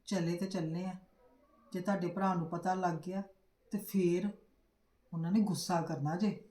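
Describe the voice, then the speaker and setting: A woman's voice: fairly low pitch, fairly even intonation, normal speed, warm tone, reverberant, lightly acted. A woman acting as a fretful mother in a family drama, pleading with her sister-in-law. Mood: anxious. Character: anxious, pleading mother of a married daughter.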